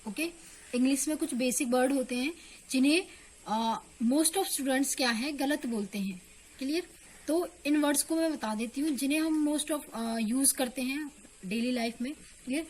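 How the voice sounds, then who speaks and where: A woman's voice: high-pitched, normal speed, a little mellow. A woman teaching English pronunciation in Hindi with an Indian accent, patiently checking that her students follow. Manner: patient, keeps asking "clear?" to check understanding. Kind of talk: online spoken-English lesson.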